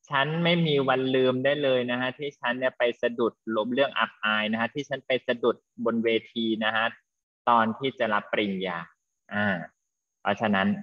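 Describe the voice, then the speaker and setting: Guy teacher walking his class through english exercises, slow and patient, kinda dull audio. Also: mid-range voice. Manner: slow, patient explaining, calls students "child". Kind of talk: online class lesson with students.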